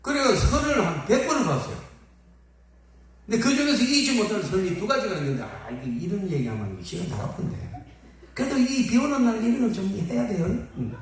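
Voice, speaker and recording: An older male pastor tells a folksy story from the pulpit and slips into the voices of the people he quotes. His voice sits high and rises and falls a great deal. It is heard from well off the mic, with a strong room echo around it. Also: sing-song, a little fast. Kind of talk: storytelling sermon. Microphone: phone camera at a distance. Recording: echoey hall, phone from far off.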